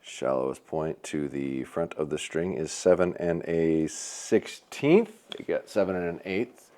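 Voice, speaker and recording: A man's voice: rumbling low, unhurried, mellow. A man reviewing a bow indoors at an archery shop range, casually thinking aloud as he reads off measurements. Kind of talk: hands-on product testing talk.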